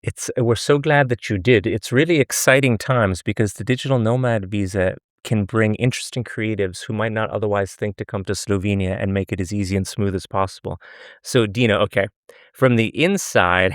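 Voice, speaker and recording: Low-voiced male podcast host. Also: no echo, clean studio sound. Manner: friendly, conversational questioning. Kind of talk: podcast interview.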